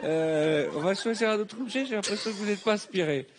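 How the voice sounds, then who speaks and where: A man's voice: sits high, noisy background. A man hosting a comedy game show on a TV studio stage. He teases the players and laughs between his lines. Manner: teasing, quick asides, laughing. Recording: loud studio music underneath.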